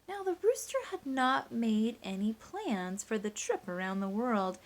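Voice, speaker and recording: In a fairly high voice with big swings in pitch, a female teacher reads a picture book with expression at a measured pace. She mixes in simple math, leading young listeners through sums one step at a time and prompting them with questions.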